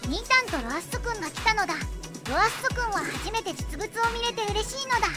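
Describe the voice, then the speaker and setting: A synthetic female text-to-speech voice playing a cheerful, excitable childlike mascot, chirpy and cute, narrating a scripted vlog. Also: very high-pitched, quick pace. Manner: cute quirky sentence endings, chirpy. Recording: music behind the voice.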